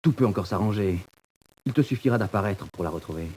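An actor playing a jealous but loyal young prisoner in a 1940s radio drama, taunting and earnest by turns. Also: male voice, on the low side, expressive, fast, a little mellow, slight background noise, close to an everyday voice.

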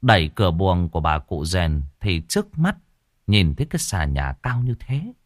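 Male audiobook narrator, low and animated, dry read. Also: normal speed, dry recording. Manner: expressive storytelling. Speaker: storyteller.

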